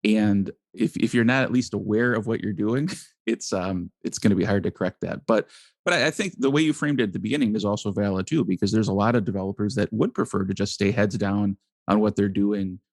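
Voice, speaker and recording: A man co-hosting a casual podcast conversation, laughing often and acting out quotes in an animated way. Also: on the low side, fairly quick, no room sound, studio quality. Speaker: podcast co-host.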